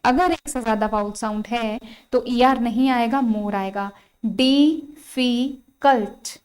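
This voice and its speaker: A woman with an Indian accent teaching an online English grammar lesson, repeating key phrases and spelling words out slowly. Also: fairly high pitch, a little mellow, low-quality recording.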